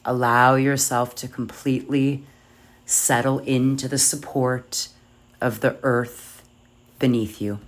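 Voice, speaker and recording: A meditation guide leading yoga nidra in a soft, soothing, measured voice with long pauses. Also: mid-range voice.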